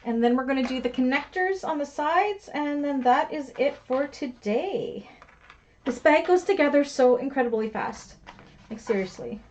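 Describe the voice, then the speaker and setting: A woman's voice: sits high, animated, normal speed, a little mellow. Chatty woman teaching a sewing class. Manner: chatty, self-deprecating, talks to herself while working. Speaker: bag-making instructor. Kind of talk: live class instruction while sewing. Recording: slightly dull lo-fi with faint noise.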